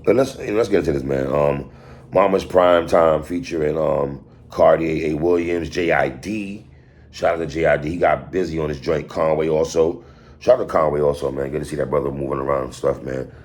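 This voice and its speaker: A man's voice: rumbling low, steady tone, normal speed, darkish tone. A man with a New York accent giving casual, opinionated music commentary in an emphatic, repetitive, slangy way, as if talking straight to someone. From New York City. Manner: emphatic, repetitive, slangy, addressing the artist directly. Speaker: hip hop album reviewer.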